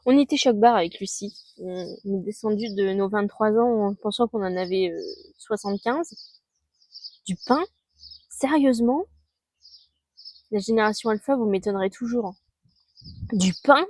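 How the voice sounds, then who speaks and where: Twenty-something girl rambling through a recap vlog outside, warm mellow tone, dry close sound. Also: mid-range voice, moderate pace, no room sound. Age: 20s. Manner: chatty and scattered, with youthful slang and many fillers. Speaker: vlogger. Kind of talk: casual monthly recap vlog. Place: outdoors under a tree.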